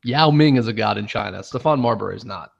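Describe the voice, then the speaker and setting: A man co-hosting a casual sports podcast, sarcastic and quick to swear and cut in. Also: on the low side, vocal fry, dull audio. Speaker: podcast co-host.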